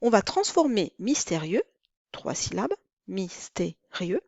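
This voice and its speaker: A woman teaching a lesson on counting the syllables of verse, with a clear, deliberate delivery. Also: mid-range voice, lively intonation, a little mellow, no room sound, muffled recording. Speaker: French teacher. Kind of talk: recorded lesson.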